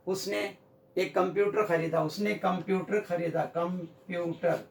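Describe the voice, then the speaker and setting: A man teaching English grammar at a whiteboard, slowly repeating example sentences. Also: high-pitched, vocal fry. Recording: echoey room, mic far off.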